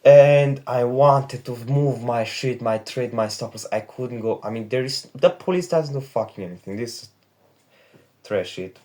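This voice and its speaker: An 18-year-old Romanian man with a Romanian accent speaks at a medium pitch, unhurried and warm. He's a trading vlogger rambling through a candid, profane confessional from his bedroom, recorded on his phone's back camera.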